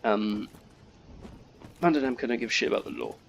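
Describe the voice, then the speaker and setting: A man chatting casually while playing a game, drifting off topic, swearing freely, and now and then yelling at enemies in sudden high bursts. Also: huge pitch swings, brisk, creaky, slight background noise. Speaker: gamer commentating his playthrough. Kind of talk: casual rambling gameplay commentary.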